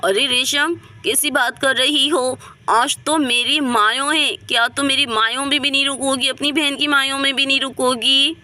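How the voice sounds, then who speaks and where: A woman voicing a chatty, concerned young woman cousin who asks quick, fussing questions. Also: high-pitched, steady tone, bright, forceful tone, dry recording, voice pushed up. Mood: coaxing.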